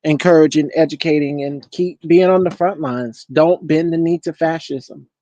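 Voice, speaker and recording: A man with a somewhat high voice speaks as a panel guest. His political talk is casual, earnest and encouraging, recorded dry without room sound. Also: fairly even intonation, moderate pace, warm tone, no room sound, dull audio.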